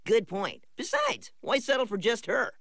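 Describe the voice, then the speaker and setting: A woman's voice: fairly high pitch, huge pitch swings, normal speed, gravelly, full character voice. A woman voicing a boastful young jock boy who brags eagerly. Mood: excited. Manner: bragging, eager. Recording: loud background music.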